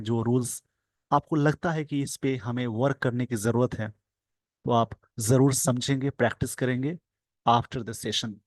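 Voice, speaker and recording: A man with an Indian accent teaches English using a newspaper editorial, reading its English phrases slowly and then explaining them in Hindi. His voice is mid-range, and there's no room sound.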